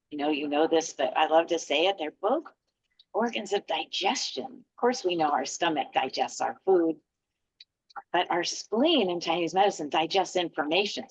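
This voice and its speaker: Gentle woman guiding a qigong class. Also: lowish voice, breathy edge, no echo, highs cut off. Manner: gentle, soothing, encouraging. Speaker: qigong instructor.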